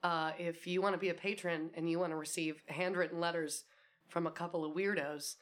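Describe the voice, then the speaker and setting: A woman's voice: on the low side, steady tone, brisk. A young woman from Wisconsin co-hosting a podcast in casual chat, laughing often and swearing freely. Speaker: podcast co-host.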